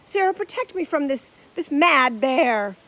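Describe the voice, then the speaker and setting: A woman voicing a pompous, booming grand old male stage actor who talks gruffly and theatrically in a storybook. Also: animated, a little slow, fairly bright tone, heavily acted. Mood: alarmed.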